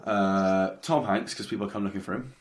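Low-voiced man in jokey chat. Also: steady tone, normal speed. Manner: jokey, swears casually, talks over the other. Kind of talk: casual chat.

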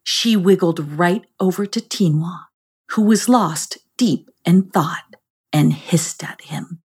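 A woman narrating a children's storybook in a slow, gentle reading voice. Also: on the low side, husky.

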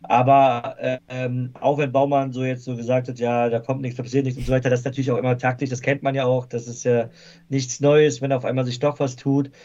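A man's voice: medium pitch, flat delivery, a little fast, dark tone, highs cut off. A man talking football casually as a guest fan, thoughtful and hesitant with frequent fillers.

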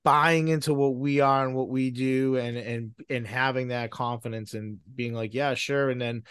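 A podcast host with a Boston accent, talking in casual, enthusiastic bursts. He is a man with an average pitch, recorded close with a dry sound. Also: little pitch movement, a bit bright, clean tone, no room sound. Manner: enthusiastic, quick to praise, laughs often.

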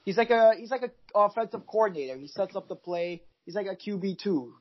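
A man's voice: sits high, expressive, fairly quick, breathy edge, dull audio. A man co-hosting a casual football podcast, rambling with many fillers and restarts. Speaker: podcast co-host, football fan. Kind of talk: casual chat.

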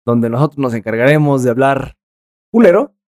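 A man's voice: mid-range voice, expressive, brisk, darkish tone. Profane Mexican man co-hosting. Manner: profane, teasing, mock-formal. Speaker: podcast co-host. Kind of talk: casual crude comedy chat.

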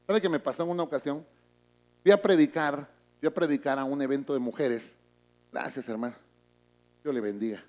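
A middle-aged man, a pastor, preaching a sermon in a church, moving from booming emphasis to hushed asides.

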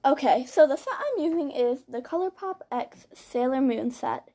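A woman's voice: high-pitched, lively intonation, normal speed, dark tone. A woman giving a casual, chatty step-by-step makeup tutorial, recorded on a plain laptop-style mic without a studio microphone. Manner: chatty, informal, step-by-step narration while doing makeup. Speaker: host of a makeup tutorial show. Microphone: built-in device mic rather than usual microphone.

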